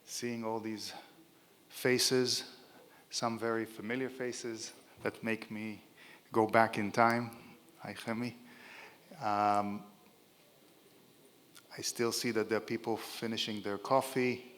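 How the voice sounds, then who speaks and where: In a reverberant event hall, an Israeli-accented middle-aged keynote speaker jokes his way through an informal conference speech, using many fillers before a large room. His voice is fairly low and fairly bright, with little pitch movement, a slow pace and long pauses.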